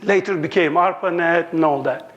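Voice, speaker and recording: Turkish-accented guy in his 60s, fairly high voice, joking around while telling stories at a conference talk. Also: normal speed, fairly bright tone, highs cut off. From Turkey. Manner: joking, anecdotal storytelling. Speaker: professor giving a lecture. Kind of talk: conference lecture.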